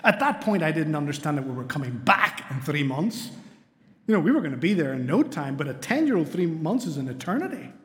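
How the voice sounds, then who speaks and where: A man's voice: a little high, very animated, brisk, fairly bright tone. A middle-aged man, preaching a sermon with earnest storytelling and light humor. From Spain. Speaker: pastor. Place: church sanctuary. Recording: long hall reverb in a church.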